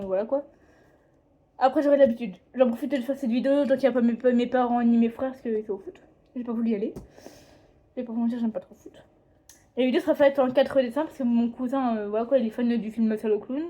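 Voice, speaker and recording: A teenage girl talks casually at home, setting up a drawing video. Her voice sits a little high but sounds mellow and soft-edged. She rambles, hesitates and keeps correcting herself mid-sentence. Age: teens. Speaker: drawing vlogger. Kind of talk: casual chat. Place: home, indoors.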